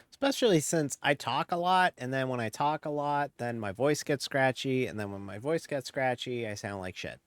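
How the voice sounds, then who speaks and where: A man streams a sim race, chatting casually and at length as he drives, rambling, chuckling often and poking fun at himself. His medium-pitched voice is captured at studio quality with no room sound.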